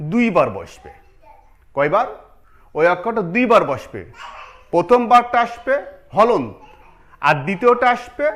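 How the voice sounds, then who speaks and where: Male teacher, high voice, very animated intonation, repeats and quizzes students. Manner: explains step by step, repeats key points, asks the students questions. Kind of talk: online pronunciation lesson.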